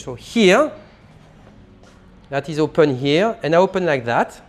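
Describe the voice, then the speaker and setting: A man, a sommelier leading a live champagne tasting class, talking in an animated way and explaining as he demonstrates, recorded in a private tasting room. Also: fairly high pitch.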